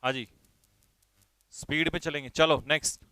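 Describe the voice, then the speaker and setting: Brisk, directive male teacher. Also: on the high side, steady tone, bright, forceful tone, clean tone, no echo. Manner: brisk and directive, spells words letter by letter. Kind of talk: online vocabulary class.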